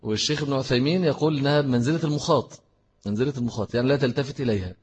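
Breathy Egyptian man teaching in an echoing hall. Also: mid-range voice, racing. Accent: Egyptian Arabic. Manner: explains step by step, repeating key phrases. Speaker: Islamic teacher. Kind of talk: religious lesson with answers to questions.

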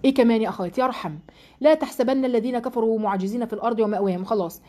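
Egyptian woman, Quran lesson teacher, mellow voice, earnest, stresses words slowly. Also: on the high side. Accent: Egyptian Arabic. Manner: earnest, emphatic, repeats key words slowly. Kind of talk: religious lesson to women.

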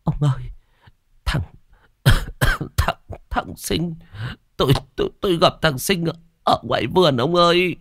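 A man's voice: high-pitched, very animated, moderate pace, pauses often, no echo, clean studio sound, pitched above the performer's own voice, exaggerated voice. Man doing a frightened stammering old woman. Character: terrified older village woman.

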